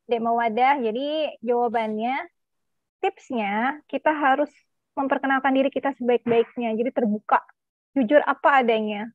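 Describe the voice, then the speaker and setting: A woman's voice: fairly high pitch, normal speed, no room sound. A woman moderating a webinar, friendly, reading out audience questions with short affirming replies. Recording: dull dry lo-fi audio.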